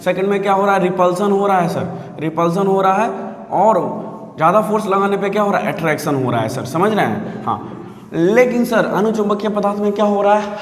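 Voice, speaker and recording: A man teaching physics, often repeating himself and checking the viewers understand, calling them sir. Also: high voice. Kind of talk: classroom physics lesson. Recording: echoey room with long reverb.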